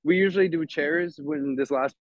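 A man's voice: a little high, moderate pace. Laid-back rambling man on a dull line. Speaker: event organizer. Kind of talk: casual chat.

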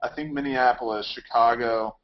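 A man's voice: mid-range voice, fairly even intonation, normal speed. A young man co-hosting a live chat, tossing in dry, teasing asides. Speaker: co-host, ultimate player. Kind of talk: casual chat. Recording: muffled lo-fi audio.

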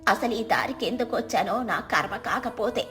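A woman's voice: on the high side, animated, normal speed, a bit bright. A woman voicing a frightened, talkative old village woman who exclaims anxiously.

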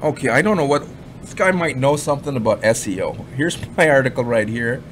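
A Canadian man talks casually and bluntly, looping back over his points and dropping the odd swear. His voice sits in the middle range. Steady background noise runs under his desk mic. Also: medium pitch, brisk. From Ottawa, Canada. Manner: blunt, rambling, repeats himself, swears. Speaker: online marketing reviewer. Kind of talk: casual screen-share commentary.

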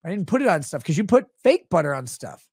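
In a slightly high, sing-song voice with a darkish, slightly rough tone, a man in his thirties rants comedically at a quick pace while hosting a live stream. He's sarcastic and rambling, shifting between voices. The dry recording comes from a stand-mounted close studio mic in a small indoor home studio.

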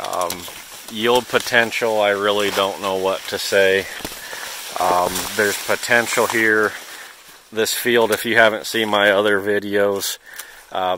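Out in a cornfield, a farmer with a Midwestern American accent speaks in a lowish, bright, forceful voice over a faint hiss or hum. He is filmed by someone holding a camera or phone, and his unscripted talk stays understated and full of hedges.

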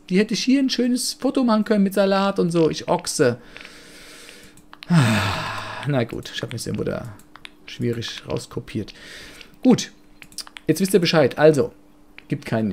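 Man, casual gameplay commentary, blunt jokey rambling, average pitch. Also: a little mellow, a little hiss or hum. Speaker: let's play gamer.

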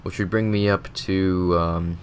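A deep-pitched man sounding sick and congested, his nose stuffed up. He talks casually and loosely over gameplay, drifting between thoughts with frequent fillers. A faint hum of background noise sits behind him. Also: a little slow. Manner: rambling, relaxed, lots of filler words. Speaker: gaming video host. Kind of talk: casual game commentary voice-over.

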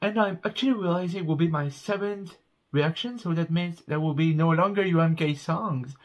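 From his small bedroom, a young French man with a French accent reacts to a song on camera, talking earnestly and getting loud and excited over the music. His voice sits on the high side and is brisk, recorded by a webcam at his desk while he wears earbuds.

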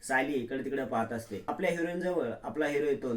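A man retelling a TV serial episode in a plain, steady storytelling manner. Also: mid-range voice, quick pace, recorded from a distance. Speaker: episode recap narrator.

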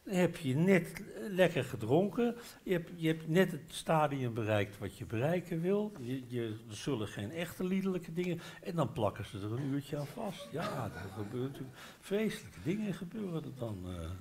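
Animated older Dutch man telling a tale. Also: a little high, normal speed, few pauses, a little hiss or hum. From Netherlands. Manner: animated storyteller, gesturing broadly, many restarts and hesitations. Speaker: guest author. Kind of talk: live literary café talk. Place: bookshop stage before a live audience. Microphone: headset mic.

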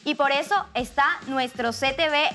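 A woman's voice: high-pitched, moderate pace, pushed and bright, faint music behind. A woman with a Colombian Spanish accent hosting a TV show, with an upbeat presenter delivery. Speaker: TV host. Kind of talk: TV show interview.

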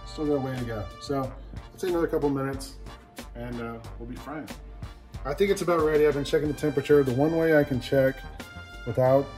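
A man in his thirties hosting a home cooking show, explaining each step in a relaxed way as he cooks in his kitchen. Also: mid-range voice, fairly quick, low-quality recording. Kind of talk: casual cooking demonstration. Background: background music.

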